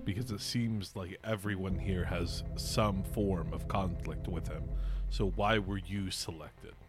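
A man playing a slow, formal nobleman. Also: low voice, fairly even intonation, music in the background. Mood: grave. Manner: formal, measured, courteous. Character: formal male noble caught up in a civil war.

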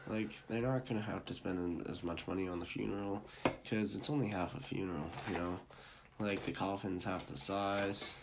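A man's voice: low voice, steady tone, moderate pace, gravelly, very noisy. A young man in crude, casual comedic banter who laughs often.

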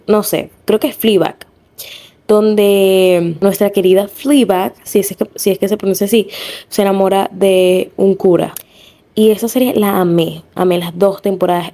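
Rambling young Venezuelan woman, mellow voice. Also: mid-range voice. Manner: chatty and rambling, full of fillers and self-corrections. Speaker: podcast host. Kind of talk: casual podcast monologue.

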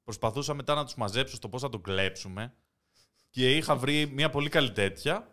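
A young man in casual podcast chat, an animated storyteller who laughs often. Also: mid-range voice. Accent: Greek. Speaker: podcast co-host.

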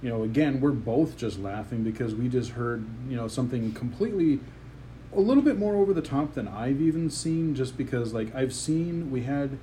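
Mellow-voiced man in rambling game chat. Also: medium pitch, animated, moderate pace, slight background noise, low-quality recording. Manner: rambling, restarts sentences often. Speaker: podcast co-host. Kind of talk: casual gaming chat.

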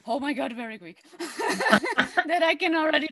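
Lady guesting on a podcast, relaxed and chatty, voice a bit on the high side. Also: normal speed, no echo. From Portugal. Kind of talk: casual interview.

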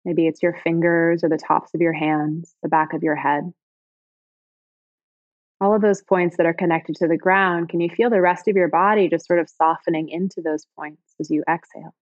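Soft-spoken woman guiding a meditation. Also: lowish voice, steady tone, no room sound, muffled recording. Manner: slow, soft, soothing instructions with pauses. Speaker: meditation guide. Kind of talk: guided body-scan meditation.

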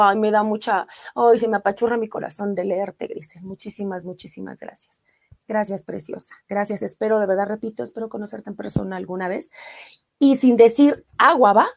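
A middle-aged woman with a Mexican accent, a singer chatting casually on a live stream, reading viewer comments warmly and effusively. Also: mid-range voice, gravelly.

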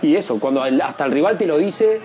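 A man's voice: quick pace, lo-fi sound. A young man, telling a story as an interview guest and acting out the people he quotes. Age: young adult. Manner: animated, acts out quoted voices in a higher pitch. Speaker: guest, freestyle rapper.

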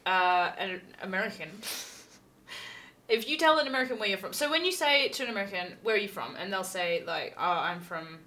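A woman's voice: medium pitch, lively intonation, brisk, pushed and bright. A woman co-hosting a casual chat, telling stories and laughing often. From Scotland. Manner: chatty storyteller, laughs often. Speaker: co-host.

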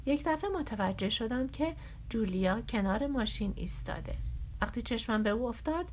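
A woman narrating a novel as an audiobook in a steady, measured reading voice. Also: on the high side, slight background noise.

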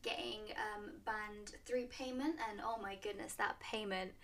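A woman's voice: medium pitch, fairly even intonation, a little slow, fairly bright tone, recorded from a distance, a little hiss or hum. A woman in her twenties, a student nurse, hosting a casual chat with her sister in a playful, giggly way. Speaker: podcast host, student nurse.

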